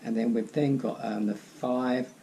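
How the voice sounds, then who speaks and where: A man with a creaky, mellow voice delivers casual card magician patter. He rambles through each step, repeating himself and putting himself down as he goes. There is audible noise behind him. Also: mid-range voice, steady tone, unhurried. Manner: rambling, repeats phrases, self-deprecating asides. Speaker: amateur card magician, channel host.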